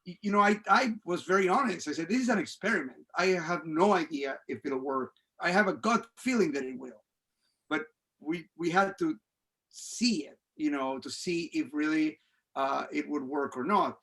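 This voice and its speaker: On a panel discussion, a man from Venezuela who works as a playwright and director, a native Spanish speaker, talks haltingly with frequent restarts and fillers. His voice is high and fairly bright.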